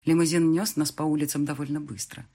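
A woman narrating a first-person audiobook in an expressive, animated way. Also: deep voice, quick pace, slightly rough.

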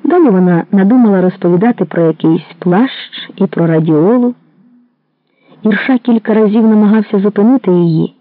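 A narrator reading a literary novel aloud in a measured, even storytelling manner. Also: mid-range voice, no room sound, narrow, tinny audio. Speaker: audiobook narrator.

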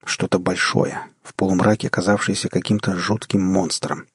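A man narrating a post-apocalyptic audiobook in the first person, measured and tense. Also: low voice, little pitch movement, slightly rough, dry recording, studio quality.

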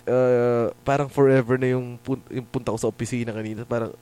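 A man's voice: mid-range voice, a little fast, clean tone. A Filipino man co-hosting a casual podcast chat, laughing often and mixing English in. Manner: laughs often, mixes Tagalog and English, animated. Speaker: podcast co-host.

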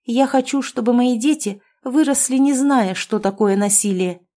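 Brief: a woman voicing a young mother in an audiobook, high and shaky, defiant, breaking into shrill screams. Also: normal speed, mellow, lightly acted. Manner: trembling, then shrill screaming.

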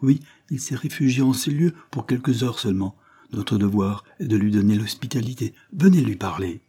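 A man reading aloud voices a calm, firm gentleman lawyer, steady and earnest. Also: medium pitch, moderate pace, breathy edge.

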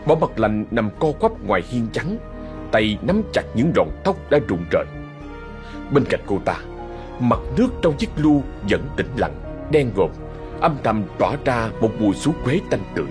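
A man narrating a scripted horror story in slow, ominous storytelling. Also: fairly low pitch. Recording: narration over faint music.

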